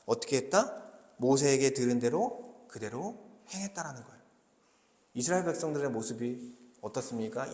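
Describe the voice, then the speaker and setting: A man preaches as pastor, earnest and steady, posing questions and answering them himself. His voice sits a bit high for a man. The sound rings through a roomy church hall with a long echo. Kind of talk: sermon. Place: church sanctuary.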